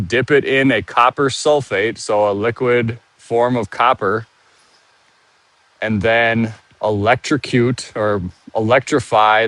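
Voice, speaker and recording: This man has a mid-range, rather bright voice captured in a dry recording. He's live-streaming outside as he circles a monument, breathless from walking, musing aloud with false starts and reading out comments from viewers.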